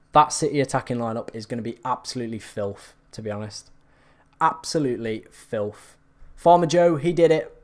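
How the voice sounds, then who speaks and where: A male streamer talks casually and responds to chat, his voice a touch hoarse from hours on air. It's medium in pitch with a slightly mellow quality.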